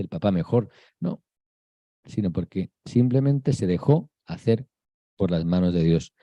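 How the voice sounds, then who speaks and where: A man preaching a Christmas sermon in a conversational, animated way, building repetitive rhetorical lists. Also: mid-range voice, no echo. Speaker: priest.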